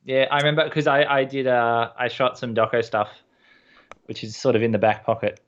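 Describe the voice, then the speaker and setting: A man's voice: mid-range voice, a little fast. Aussie guy guest on a stream, laid back, repeats stuff, audio a bit dull. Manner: relaxed, repeats himself. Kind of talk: casual chat.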